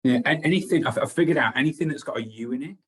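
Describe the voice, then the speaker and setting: A man's voice: mid-range voice, racing. A man from Scotland with a Scottish accent blended with Australian, interviewing a guest in a chatty, jokey manner. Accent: Scottish mixed with Australian. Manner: chatty, jokey, laughs easily. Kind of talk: casual interview chat.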